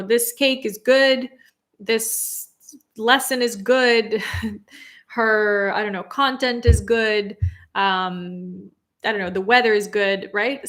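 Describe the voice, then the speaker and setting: Her voice mid-range, a Moldovan woman in her thirties who speaks Romanian leads an English pronunciation live stream. She chats casually, relaxed and filler-heavy, while patiently saying words over slowly.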